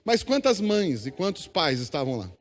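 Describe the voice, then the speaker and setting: A man's voice: a little high, very animated, normal speed, a little hiss or hum. A man with a Brazilian accent preaching a sermon in church, exhorting the congregation and calling for responses. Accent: Brazilian Portuguese. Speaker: pastor. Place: church hall. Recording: long church hall reverb.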